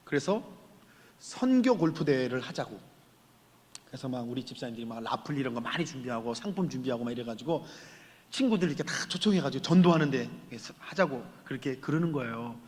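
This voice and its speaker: A male guest pastor preaching at a revival, telling a story with animated quoted voices. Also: medium pitch, a little fast. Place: large church sanctuary. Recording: long church hall reverb.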